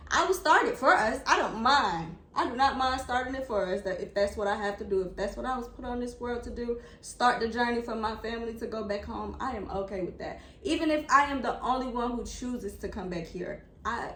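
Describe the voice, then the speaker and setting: A young woman with a slightly high voice speaks in an earnest, reflective way and repeats herself for emphasis. She sits at a table in a reverberant room with faint background noise. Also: animated, a little fast, hardly any pauses, fairly bright tone. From United States. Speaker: vlogger interviewing her father. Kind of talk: heartfelt sit-down conversation over a meal. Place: indoors at a table.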